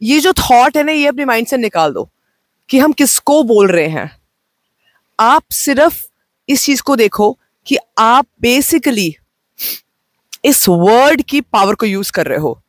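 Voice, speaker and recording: A woman life coach gives a gentle, slow self-help talk, mixing Hindi and English. She is unwell and says her voice sounds off. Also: fairly high pitch, sing-song, no echo. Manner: mixes Hindi and English, speaks slowly and gently. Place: outdoors on location.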